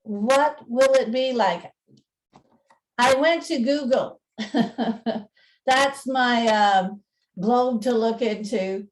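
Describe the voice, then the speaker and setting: A woman with a fairly high voice gives an informal presentation, speaking slowly from a little away from the microphone, and the audio is poor. Chatty and self-deprecating, she is a museum presenter and radio play narrator, and the talk mixes slides with dramatic reading.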